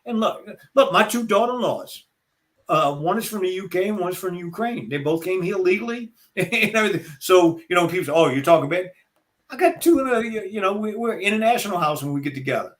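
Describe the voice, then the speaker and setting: A man's voice: high-pitched, animated, a little fast, a bit bright. An older man with a Southern accent, a guest talking in a folksy, rambling, opinionated way during a casual interview. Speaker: guest speaker.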